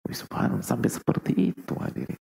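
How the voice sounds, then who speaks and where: A man preaching a sermon to a live audience, asking rhetorical questions and swinging between soft asides and loud emphasis. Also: medium pitch, wildly swooping pitch, fast, vocal fry. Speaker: Islamic preacher.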